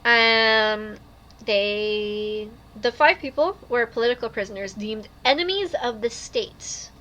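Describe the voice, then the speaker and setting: A woman's voice: fairly high pitch, slow, a bit bright, highs cut off. A woman co-hosting a casual podcast, playful and jokey, repeating her catchphrases. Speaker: podcast co-host.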